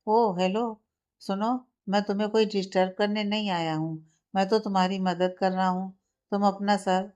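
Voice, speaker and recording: A woman's voice: mid-range voice, little pitch movement, normal speed, darkish tone, natural voice. A woman voicing a young man, an irritated but caring husband, teasing and exasperated.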